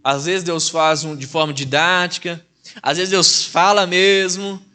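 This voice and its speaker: A man's voice: a little high, flat delivery, measured pace, pushed and bright. A man with a Mineiro Brazilian accent, a deacon preaching a sermon in church in a conversational way, talking directly to the congregation as brothers. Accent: Mineiro Brazilian Portuguese. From Minas Gerais, Brazil.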